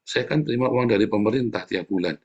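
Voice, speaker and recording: On a lo-fi recording, a man with a lowish voice preaches fast in an informal sermon. Animated and jokey, he laughs often in asides and speaks to the congregation as saudara.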